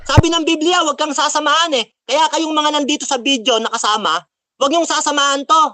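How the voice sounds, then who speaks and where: High, bright-voiced man taunting a rival. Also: steady tone, fairly quick. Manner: taunting, mocking, quotes Bible verses, laughs at opponent. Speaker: preacher speaking after a debate. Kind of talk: heated post-debate rant.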